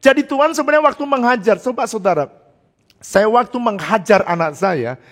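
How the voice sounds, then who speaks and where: Animated preaching man, echoing church hall. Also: high-pitched, moderate pace. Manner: animated and playful, laughing often between points; drops into English phrases. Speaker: pastor. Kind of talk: preaching a sermon. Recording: long church-hall reverb.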